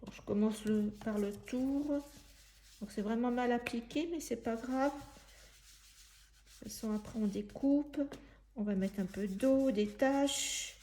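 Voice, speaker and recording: A woman giving a casual step-by-step craft demonstration, thinking aloud in halting, searching phrases as she works. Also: fairly high pitch, warm tone. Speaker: craft tutorial presenter.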